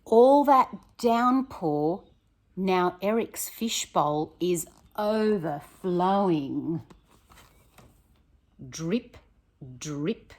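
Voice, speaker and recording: With drawn-out words and long pauses, this primary school teacher reads a picture book aloud to kids in a lowish, slightly husky voice. She reads expressively and prompts them with questions.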